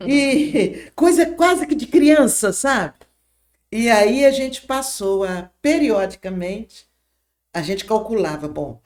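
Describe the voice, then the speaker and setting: An older woman, a podcast guest gently recounting memories and often checking in with her listener. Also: mid-range voice. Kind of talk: reminiscing storytelling.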